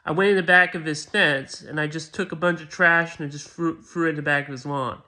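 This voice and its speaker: A man tells a casual story in a rambling, halting way, restarting his sentences often. His voice sits a little high, with a bright, tense edge. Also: steady tone.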